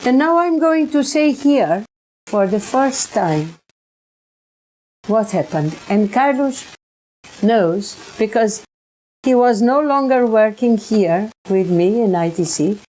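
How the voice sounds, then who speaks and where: A woman, telling her own experiences in a halting way, often repeating and restarting words. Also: fairly high pitch, animated, mellow, a little hiss or hum. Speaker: researcher sharing experiences. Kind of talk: personal recollection monologue.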